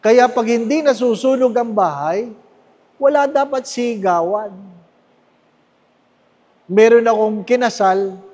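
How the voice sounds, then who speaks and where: A Filipino man preaches a homily with a high voice and a slow, emphatic pace, often turning to the congregation with little questions. He repeats his key phrases for weight. His voice carries with the long echo of a big church. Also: a little mellow. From Philippines. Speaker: priest. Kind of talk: sermon. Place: large church with long reverb. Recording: echoey church hall.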